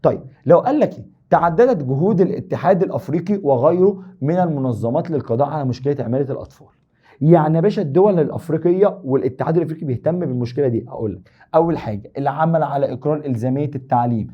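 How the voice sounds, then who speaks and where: A man's voice: on the high side, lively intonation, racing, slightly rough, lo-fi sound. A man with an Egyptian Arabic accent teaching an exam review lesson, joking and teasing his students as he explains.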